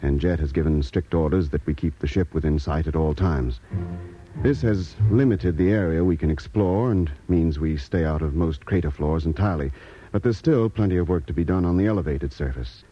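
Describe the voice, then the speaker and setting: An actor playing a grave, thoughtful doctor on a lunar expedition in a vintage radio drama. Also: male voice, a bass voice, fairly quick, warm tone, slightly rough. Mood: reflective. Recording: muffled old radio recording, music behind.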